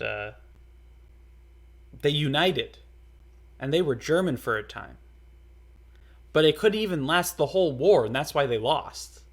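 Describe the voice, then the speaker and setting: Slow-talking man lecturing casually. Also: mid-range voice. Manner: rambling, repeats words, many fillers.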